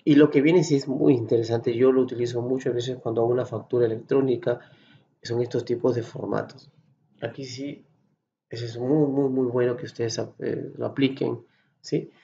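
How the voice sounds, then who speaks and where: A man from Peru with a Peruvian accent, patiently explaining a software tutorial step by step and checking in with his students. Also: medium pitch, fairly even intonation, normal speed, creaky, highs cut off, slight background noise. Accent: Peruvian Spanish. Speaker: Excel course instructor. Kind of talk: screen-recorded software tutorial.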